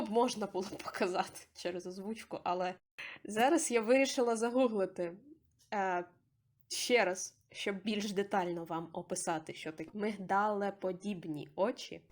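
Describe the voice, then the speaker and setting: A young woman talks through her artwork in a relaxed voice-over, recorded close to the mic. She is chatty and self-deprecating, and her voice jumps up in pitch every so often. Her pitch sits in the middle for a woman. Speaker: artist vlogger. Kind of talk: casual voice-over commentary on a drawing.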